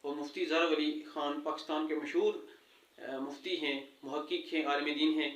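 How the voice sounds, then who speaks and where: A man giving a lesson on correct Quran recitation, explaining sounds and chanting verses slowly. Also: fairly high pitch, level tone, fairly bright tone, roomy sound, far from the mic, rough recording. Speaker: religious teacher. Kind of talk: tajweed lesson with slow recitation.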